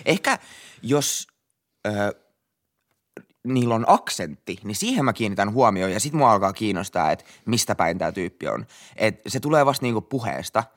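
A man's voice: fairly low pitch, very animated. A young Finnish man co-hosting a casual podcast chat, speaking frankly with lots of filler words and casual swearing. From Finland. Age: young adult. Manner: frank, slangy, with frequent "niinku" fillers and swearing. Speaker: podcast co-host.

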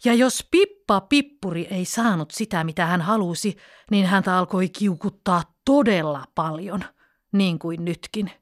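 A woman telling a children's fairy tale in an expressive, storybook way. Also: fairly low pitch, no room sound, clean studio sound. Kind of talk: children's bedtime story reading.

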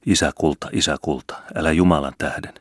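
A man's voice: rumbling low, fairly even intonation, breathy edge, no room sound, clean studio sound. Man voicing a pleading old farm wife. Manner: pleading, lamenting. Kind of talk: audiobook reading.

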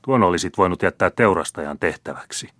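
A sardonic older gentleman, voiced by a male audiobook reader, wry and cutting beneath polite phrases. His voice is deep and dry. He needles the people around him with ironic remarks. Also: animated, dry recording.

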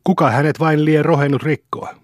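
A man's voice: on the high side, fairly even intonation, no room sound, studio quality, pitched above the performer's own voice, natural voice. A man voicing a nosy village juror who asks questions, in an audiobook reading. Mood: inquisitive. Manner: inquisitive, nosy.

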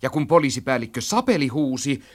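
A man reading a children's story aloud in an animated, rhythmic storytelling style. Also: mid-range voice. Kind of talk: expressive storybook narration.

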